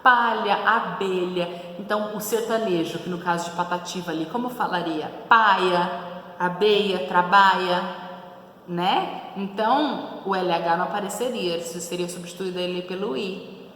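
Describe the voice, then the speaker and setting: A woman's voice: lowish voice, brisk. A woman teacher with a São Paulo accent giving a class, asking questions and answering them herself, checking in often. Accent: São Paulo Brazilian Portuguese. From São Paulo, Brazil. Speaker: schoolteacher. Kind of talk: recorded class lesson. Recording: very echoey roomy recording with faint noise.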